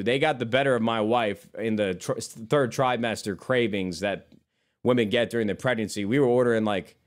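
A streamer in his thirties with a mid-range voice chats casually with his viewers. He rambles between topics, swears freely and keeps calling his listeners brother.

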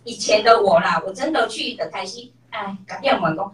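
A woman's voice: mid-range voice, brisk, fairly bright tone. A middle-aged woman shares a personal story with a class, acting out the voices of the people in it. She is heard from some distance across an echoey room. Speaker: class member sharing a story. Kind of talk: personal testimony.

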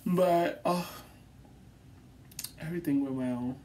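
A woman chatting casually to her viewers in a vlog, animated, laughing often and swearing freely. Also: deep voice, takes it slowly. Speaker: vlogger.

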